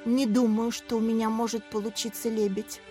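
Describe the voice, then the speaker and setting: A woman's voice: a little high, little pitch movement, normal speed, warm tone, faint music behind, close to an everyday voice. A woman reading the part of a young, kind schoolteacher who is polite and a bit hesitant. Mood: unsure. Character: young, unsure but kind female schoolteacher. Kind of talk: audiobook character reading.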